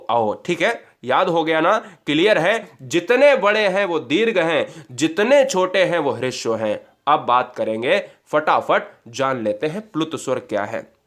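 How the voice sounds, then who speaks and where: A man's voice: a little high, fairly bright tone. A man teaching an exam-prep grammar lesson, asking and answering his own questions and drawing out sounds to demonstrate them.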